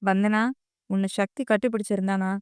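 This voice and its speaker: A woman voicing a furious middle-aged mother who hurls sharp, shouting accusations at her family in an audio drama reading. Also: mid-range voice, flat delivery, brisk, clear, resonant tone, no echo, studio quality, lightly acted.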